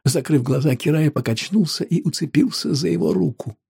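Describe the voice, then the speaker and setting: Gravelly, raspy man reading an audiobook. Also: on the high side, fairly quick, dark tone. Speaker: audiobook narrator. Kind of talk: scripted audiobook narration.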